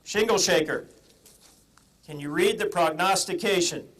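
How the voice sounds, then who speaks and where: A man's voice: sits high, a little slow, fairly bright tone. A man acting as master of a ceremony, announcing to the crowd in an emphatic, showman-like way. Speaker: ceremony master, club president. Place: outdoor ceremony. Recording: live outdoor event noise, crowd behind.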